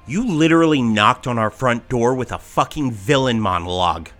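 Casting: actress for a sarcastic survivor sidekick woman in audio drama, low pitch with lively, exclamatory swings. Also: normal speed, faint music behind. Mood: defiant, sarcastic. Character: wry, sweary survivor sidekick, incredulous.

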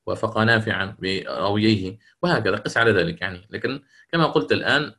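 A man teaching Quranic recitation rules in a classroom lecture, speaking deliberately and repeating his key points. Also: on the low side, sharp tone.

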